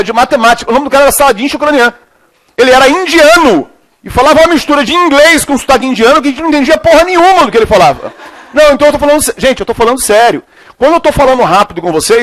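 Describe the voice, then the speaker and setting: High-voiced lively Brazilian teacher. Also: male voice, no room sound. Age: middle-aged. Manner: lively, informal, jokey, switches between slow dictation and fast talk. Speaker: chemistry teacher. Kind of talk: classroom lecture, dictating problems. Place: classroom.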